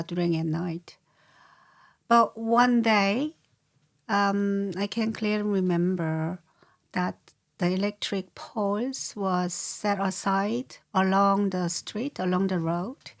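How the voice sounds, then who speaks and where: An older woman from South Korea with a Korean accent, answering interview questions slowly, with many pauses and fillers. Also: mid-range voice. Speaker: guest. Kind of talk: casual interview.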